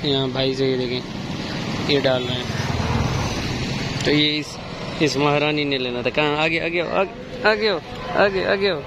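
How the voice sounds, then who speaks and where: A man's voice: on the high side, fairly even intonation, slow, long pauses. A man, a father and family vlogger, narrating casually and bantering in a teasing, joking way as he moves around outdoors. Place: outdoors on busy streets, moving about. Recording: loud street and vehicle noise.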